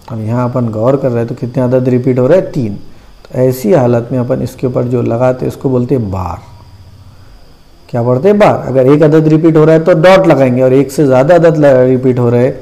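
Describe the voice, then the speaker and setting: A man teaching a maths lesson step by step, putting questions to his students and answering them himself, and repeating terms and numbers slowly. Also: mid-range voice, mellow. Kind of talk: classroom-style video lesson.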